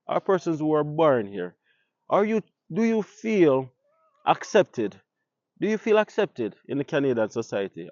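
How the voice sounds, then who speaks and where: A Jamaican vlogger, a native Patois speaker, talks casually to camera and puts rhetorical questions to his viewers. His voice is a little high with a darkish tone, recorded with no room sound and the highs cut off.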